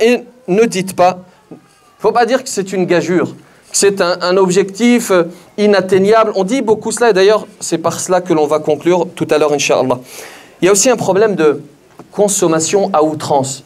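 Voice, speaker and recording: A man's voice: fairly high pitch, darkish tone. A man giving a religious conference lecture, speaking straight to the audience, repeating key phrases for emphasis, with hesitations and restarts. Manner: measured, with frequent hesitations and restarts.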